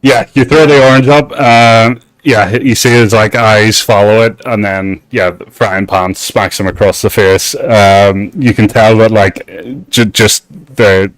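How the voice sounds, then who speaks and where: A man running a tabletop game as game master, narrating with lots of fillers and halting restarts. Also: on the low side, no echo, low-quality recording. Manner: halting, filler-heavy, laughs easily.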